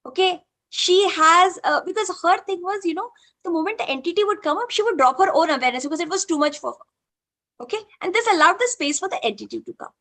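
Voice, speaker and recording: Speaking fast in an extremely high pitch, this spiritual session facilitator with an Indian accent runs a group over video call. She recounts a participant's story with animation, switching between English and Hindi and leaning on "you know."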